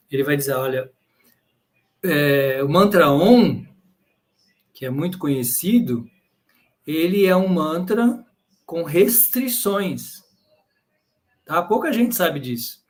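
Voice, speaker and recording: A man with a Brazilian Portuguese accent lectures patiently to a live audience. His voice sits a little high for a man. He explains step by step and keeps checking in with short tag questions. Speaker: lecturer on bhakti yoga.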